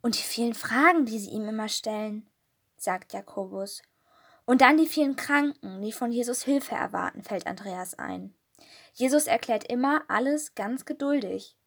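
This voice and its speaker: A woman calmly reading a children's Bible story aloud as the storyteller. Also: on the high side, moderate pace, slightly rough.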